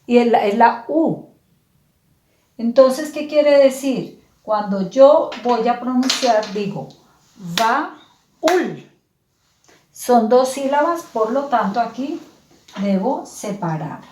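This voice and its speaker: A patient woman teacher with a fairly high voice talks very slowly and clearly, breaking words into syllables for her students. The recording has a noticeable room echo. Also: darkish tone. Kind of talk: slow, clear classroom explanation.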